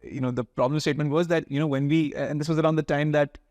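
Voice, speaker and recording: A man's voice: on the high side, fairly even intonation, quick pace, darkish tone, no echo. A young man from India with an educated Indian accent, giving informal, explanatory answers as an interview guest.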